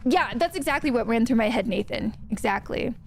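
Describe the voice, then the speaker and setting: A woman's voice: a little high, animated, a little fast, vocal fry, slight background noise. A young woman streaming a ghost-hunting game, chatting casually and greeting viewers by name. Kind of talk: casual livestream chat while gaming.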